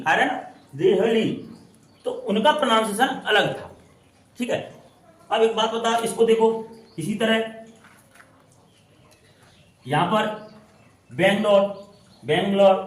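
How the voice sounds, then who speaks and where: A man teaching English pronunciation in a classroom style, repeating and drawing out words as he explains. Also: high voice. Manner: repetitive, drawn-out spelling out of words. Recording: echoey room from far off.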